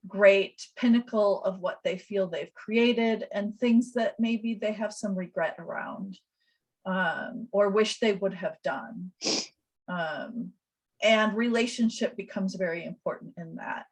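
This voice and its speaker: A woman speaking gently and reflectively as a presenter in an online webinar. She explains things calmly and unhurriedly. Her voice sits at an ordinary middle pitch and comes through a video call. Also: slow, low-quality recording. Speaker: death doula and presenter.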